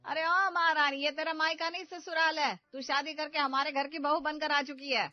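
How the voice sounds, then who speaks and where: A woman voicing a bossy, sharp-tongued middle-aged mother-in-law who scolds loudly and impatiently in a cartoon story. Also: fairly high pitch, moderate pace, no echo, lightly acted. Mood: scolding. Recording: slightly dull audio with background music.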